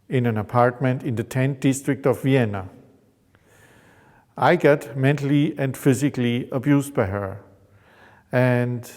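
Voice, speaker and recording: Slow man, in his fifties. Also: medium pitch, a little mellow, in a large hall. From Austria. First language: German. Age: 50s. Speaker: painter. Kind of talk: reflective personal narration.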